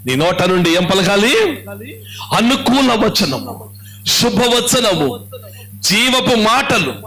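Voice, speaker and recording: A man with a Telangana Telugu accent preaching a church sermon, asking rhetorical questions and swinging his pitch up and down. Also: sharp tone, poor audio. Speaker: pastor. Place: church hall.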